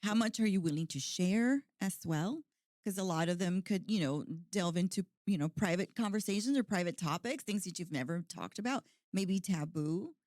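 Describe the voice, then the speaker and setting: A woman's voice: on the low side, lively intonation, moderate pace, darkish tone, dry recording, clean studio sound. A woman in her forties hosting a podcast, talking in a chatty, earnest way with plenty of "like" and "you know". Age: 40s. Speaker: podcast host. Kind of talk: casual podcast chat.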